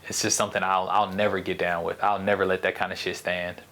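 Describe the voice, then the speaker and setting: A man's voice: sits low, flat delivery, quick pace, fairly bright tone. Blunt, profane man talking casually. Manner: blunt, profane, rambling with frequent restarts. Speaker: podcast host. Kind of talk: casual solo podcast monologue.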